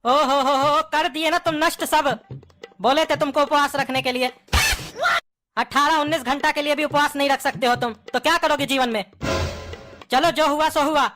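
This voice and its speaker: A woman's voice: high voice, steady tone, moderate pace, lightly acted. A woman playing a strict, threatening father in a comedy skit, with a bossy, scolding manner. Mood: stern. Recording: background music under voice.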